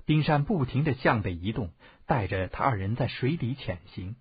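A man narrating a martial-arts novel as an audiobook, telling it expressively with a husky voice. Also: mid-range voice, normal speed, dry recording. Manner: expressive storytelling, varied tone. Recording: dull, dry lo-fi audiobook recording.

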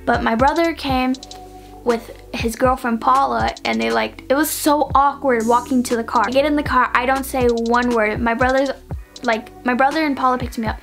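A young woman with a slightly high voice tells a personal story to her channel in a loose, chatty monologue. She rambles and fills nearly every phrase with "like". Soft music plays faintly underneath. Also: fairly even intonation, moderate pace. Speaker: vlogger.

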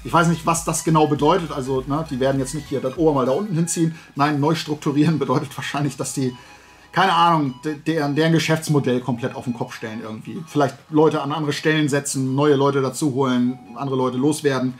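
Surrounded by collectibles in an indoor room, a middle-aged man hosts a toy and comics show, talking casually and rambling on to the camera. His voice is a little high and steady in tone, he talks fast, and faint music plays in the background.

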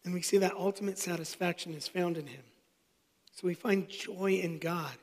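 Pastor guy in his 30s, highish voice, funny story sermon, big reverby church. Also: moderate pace, husky. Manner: storytelling, self-deprecating humor. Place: church sanctuary.

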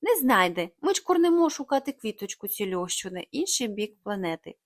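A woman's voice: mid-range voice, very animated, normal speed, no room sound, studio quality. A woman voicing a grumpy, scheming male monster leader who bosses his gang. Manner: grumbling, sly.

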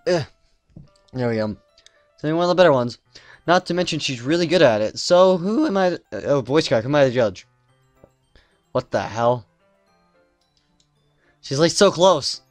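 A man's voice: mid-range voice, expressive, moderate pace, pauses often, no echo. Man, gameplay commentary, casual, joking, stumbling restarts, dry sound, faint game music. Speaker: gamer playing a visual novel.

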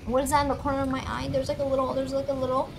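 A young woman chatting casually with a friend while playing an online game, excitable and fond of saying "bro". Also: high-pitched, very fast, heavy background noise. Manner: excitable, says "bro" a lot. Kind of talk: casual gameplay chat with a friend. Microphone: gaming headset mic.

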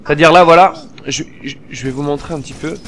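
A man's voice: fairly high pitch, quick pace, slight background noise. Chatty man narrating his gameplay. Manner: chatty and excitable, with slang and swearing; many fillers while explaining. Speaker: gameplay video host. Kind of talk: casual gameplay commentary.

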